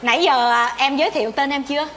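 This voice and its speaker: A woman's voice: sits high, fast, a crowd in the background, lightly acted. An actress playing a flustered, chatty and flirtatious woman visitor in a stage comedy sketch, gushing and scatterbrained.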